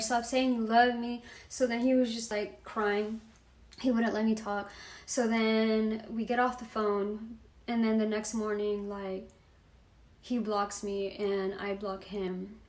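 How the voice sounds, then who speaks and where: A woman's voice: medium pitch, a little mellow, echoey room. A young woman casually telling a personal story on her vlog, slangy and full of "like". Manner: slangy, fills talk with "like".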